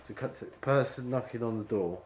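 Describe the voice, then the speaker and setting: A man's voice: mid-range voice, quick pace, darkish tone. Man, director at an audition, rambling, lots of fillers, echoey room, faint background hum. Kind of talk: coaching an actor at an audition.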